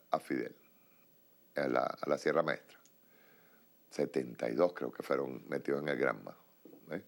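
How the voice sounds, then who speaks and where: Middle-aged man, very deep voice, gravelly, political TV host, emphatic rambling commentary. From Venezuela. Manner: rambling, emphatic, many restarts. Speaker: TV show host.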